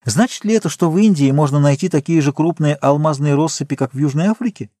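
A man's voice: on the high side, fast talker, mellow, dry recording, studio quality, pitched above the performer's own voice, lightly acted. A man reading aloud, voicing an eager, curious young woman traveler who asks teasing questions.

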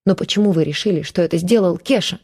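A woman voicing a young woman defending someone loudly and fervently in an audiobook. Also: lowish voice, fast, breathy edge. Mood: indignant. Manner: loud, fervent. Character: young woman, fierce and defiant.

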